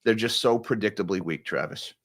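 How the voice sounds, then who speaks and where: A man's voice: lowish voice, fairly quick, fairly bright tone. Fiery ranting man on a live stream. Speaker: co-host, commentator. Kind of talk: heated live-stream commentary.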